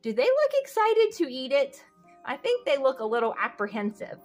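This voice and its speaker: Speaking at normal speed, a woman with a high, darkish voice and big swings in pitch reads a children's picture book aloud over soft music. As the read-aloud host, she weaves in sing-song refrains and small questions for young listeners.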